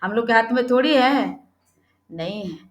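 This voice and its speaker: A fairly high-pitched woman leads an online prayer meeting in a loose, chatty preaching manner. She keeps checking that her listeners agree with her. Her voice carries a roomy echo. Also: animated, normal speed. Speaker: prayer leader.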